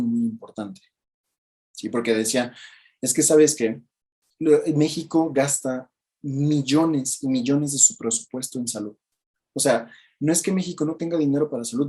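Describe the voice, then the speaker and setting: A book reviewer with a Mexican Spanish accent offers chatty, casual commentary, repeatedly asking "¿no?" and jumping up in pitch to act out the people he quotes. His voice is a little mellow.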